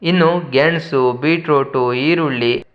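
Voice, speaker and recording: A man's voice: a little high, slow pace. A man narrating a humorous storybook tale and speaking to his listeners as friends. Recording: dull lo-fi recording.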